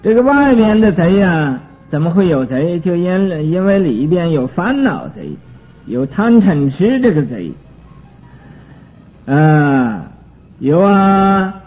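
A man lecturing on a Buddhist sutra in a slow, unhurried way, his husky voice rising and falling with lively pitch. He explains each term patiently and stretches out fillers between phrases. The recording is thin and phone-like, with faint music in the background. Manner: explains terms slowly with many drawn-out fillers.

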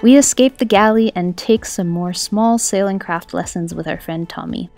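A woman's voice: mid-range voice, normal speed. A woman giving an upbeat, scripted voice-over for a sailing vlog. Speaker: vlogger narrator. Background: music.

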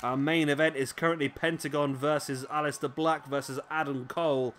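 Male game commentator, slightly high voice, casual play-by-play, hiccups, faint background noise. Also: fairly even intonation, a little fast, a bit bright. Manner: chatty, asks tag questions, corrects himself. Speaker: commentator for a wrestling video game.

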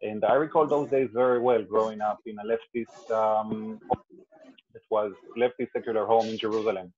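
A man's voice: on the low side, fairly even intonation, normal speed, a little mellow, a little hiss or hum. Man, muffled call. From Israel. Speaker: panelist, activist. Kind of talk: webinar talk. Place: home room indoors. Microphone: earbud mic on video call. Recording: muffled video call audio.

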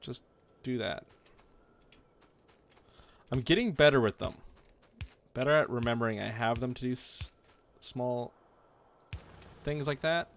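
Gravelly man narrating his gameplay. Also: medium pitch, measured pace, pauses often, slight background noise. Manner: sassy, self-mocking, thinking aloud. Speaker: gaming video host. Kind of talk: casual let's-play commentary.

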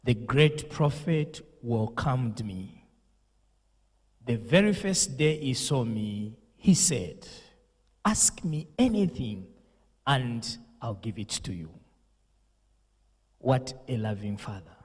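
A long reverb tail trails the mid-range, breathy-edged voice of a young Zambian pastor, animated yet slow and solemn, with preacher's emphasis. He gives a condolence message and prayer into a handheld mic on an indoor studio set bathed in purple lighting.

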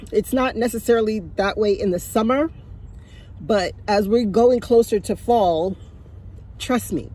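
This vlogger, a woman in her fifties, talks casually into an arm's-length phone from her parked car in the sunshine, handing out advice with chuckles, chatter and emphatic repetition. Her voice is mid-pitched and a bit mellow, with a little hiss or hum behind it.

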